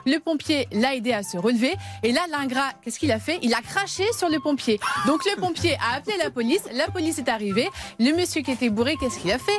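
High-voiced woman telling a news story. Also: expressive, quick pace, faint music behind. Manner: chatty, storytelling with rhetorical questions. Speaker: radio news columnist. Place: radio studio.

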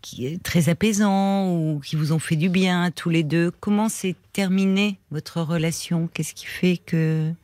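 A woman hosting a radio call-in show, listening to a caller and gently rephrasing what he says before asking follow-up questions. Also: fairly low pitch, fairly even intonation, measured pace, hardly any pauses, no echo. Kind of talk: empathetic listening and reformulating. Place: radio studio.

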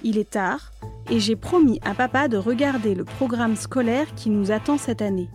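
A woman voicing a calm, matter-of-fact young boy in a storybook reading. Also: a little high, moderate pace, faint music behind, natural voice. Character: calm young boy, friend of the witch girl.

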